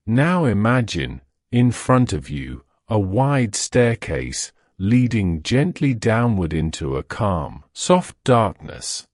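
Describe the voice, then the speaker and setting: A man talks a listener down into sleep in a slow, unhurried voice. His pitch swoops widely, rising and sinking as he draws out each instruction. The sound is close and dry, with no room around it. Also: very animated, a little mellow, no room sound. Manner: slow, soothing, drawn-out delivery. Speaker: sleep hypnosis guide. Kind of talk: guided relaxation script.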